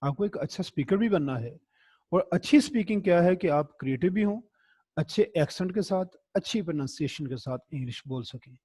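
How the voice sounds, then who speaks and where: A man's voice: fairly high pitch, animated, brisk, dark tone, breathy edge, no echo. A middle-aged man, giving a recorded lecture in a conversational, encouraging way and telling anecdotes. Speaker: teacher.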